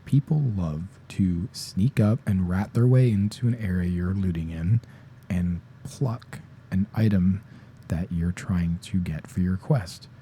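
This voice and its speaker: A young man rambling softly in a casual ASMR chat, sleepy and tired-voiced, often dropping into whispers. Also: low voice, a little slow, slight background noise. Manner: rambling, slips into whispers, self-deprecating. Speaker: ASMR creator. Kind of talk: soft-spoken ASMR ramble.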